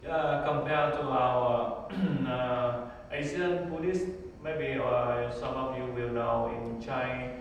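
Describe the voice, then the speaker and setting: Pausing often and leaning on fillers, a Vietnamese-accented Buddhist monk responds to interview questions in plain, halting English. His voice is male and medium-pitched. Recorded far from the mic in an echoey hall, the clip carries faint noise.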